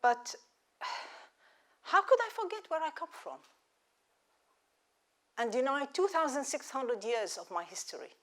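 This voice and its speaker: A woman in her sixties from Iraq, raised in Israel, telling her life story in a measured, reflective talk with rhetorical questions. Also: high voice, sing-song, fairly bright tone. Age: 60s. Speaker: speaker at a live lecture event.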